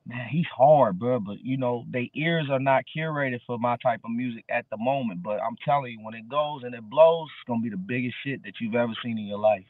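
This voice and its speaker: A man's voice: medium pitch, brisk, hardly any pauses, no room sound. Man in his thirties on a tinny call. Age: early 30s. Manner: laid-back street slang, fillers like bro. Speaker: guest musician. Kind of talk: casual interview chat. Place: dark room at home. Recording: dry, tinny phone-like video call.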